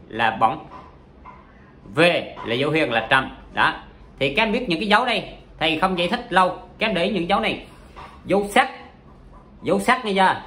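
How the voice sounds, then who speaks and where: A man's voice: sits high, bright, forceful tone, reverberant. A man teaching poetry in a chatty, casual way, full of examples and fillers. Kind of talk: casual spoken lesson.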